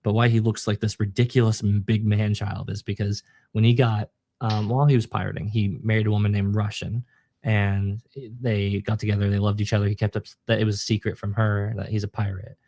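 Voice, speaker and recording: Low-voiced man chatting on a podcast. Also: level tone, a little fast, mellow. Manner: enthusiastic, acts out characters' lines. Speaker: podcast co-host. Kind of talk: casual manga discussion.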